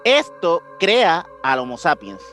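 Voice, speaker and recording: A man co-hosts a podcast with a Latin American Spanish accent, explaining things casually in slang and often tacking on tag questions to seek agreement. His voice is fairly high and a bit bright, swooping wildly in pitch at a slow pace. Music plays behind him.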